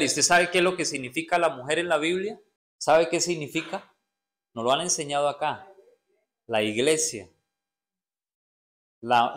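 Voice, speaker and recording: A man's voice: mid-range voice, fairly bright tone. A man preaching a sermon to his congregation, stopping to ask them questions and answering himself, often repeating words while he searches for them. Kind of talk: sermon teaching.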